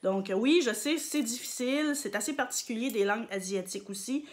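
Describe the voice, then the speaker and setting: A woman's voice: on the high side, a little fast. A woman, talking casually to camera at home as a vlogger and teaching some Japanese words, hesitant with many fillers and stressing each new word. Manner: chatty, hesitant, frequent fillers, emphatic on vocabulary words. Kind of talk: casual explanatory talk to camera. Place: at home during confinement.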